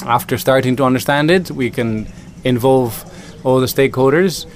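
A man's voice: medium pitch, moderate pace, slight background noise. A man from the Netherlands, a food system consultant answering interview questions thoughtfully, with many ums and restarts.

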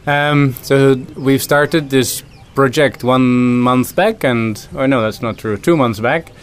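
A man's voice: medium pitch, takes it slowly, smooth. A man from the Netherlands, a food system consultant answering interview questions thoughtfully, with many ums and restarts.

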